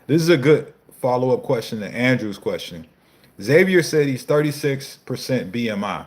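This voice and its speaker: This mid-range voice belongs to a man in his thirties who coaches fitness. During a casual live Q&A he goes through viewer comments and responds in a slangy, profane, easygoing manner.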